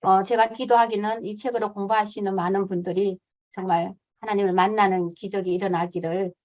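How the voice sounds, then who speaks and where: A woman's voice: medium pitch, steady tone, a little fast, darkish tone. Earnest woman missionary giving a talk. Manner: earnest, emotional storytelling with many fillers. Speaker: missionary teacher. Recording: dull lo-fi sound.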